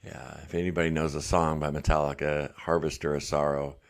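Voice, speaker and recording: Speaking a little fast in a bass voice with vocal fry, a middle-aged man hosts a laid-back livestream, reading comments and chatting. His nose is slightly stuffed up and one ear is blocked, yet he's easygoing, talkative, and quick to laugh.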